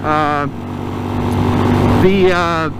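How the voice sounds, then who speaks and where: A man's voice: a little high, fairly even intonation, very slow. A man giving casual riding commentary, his voice slightly muffled as if through a mask covering his mouth. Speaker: motorcycle vlogger. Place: outdoors, riding a motorcycle on the road. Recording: muffled, loud engine and wind noise. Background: loud motorcycle engine and road noise.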